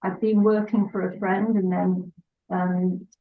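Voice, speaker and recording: Older woman from England, interview guest, mid-pitched voice, reminiscing, small hesitations. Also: level tone, a little slow, narrow, tinny audio. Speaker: guest, artist. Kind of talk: interview chat.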